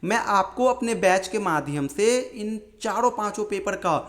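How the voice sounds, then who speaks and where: A young man teaching students about an exam's marking pattern, calling them friends and reading out lists of terms slowly. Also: high voice, lively intonation, fairly bright tone. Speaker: exam-prep teacher. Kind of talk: explaining an exam pattern to students.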